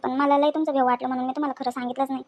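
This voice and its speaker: A woman's voice: high voice, little pitch movement, very fast, crowd noise. A young woman playing a defensive, pleading daughter-in-law in a home drama.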